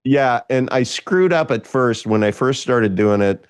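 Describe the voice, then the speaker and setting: A man's voice: medium pitch, lively intonation, unhurried, clean tone, dry recording. A man from Kansas hosting a casual podcast chat, rambling and restarting his sentences and chuckling often. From Kansas, United States. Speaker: podcast host. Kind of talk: casual conversation.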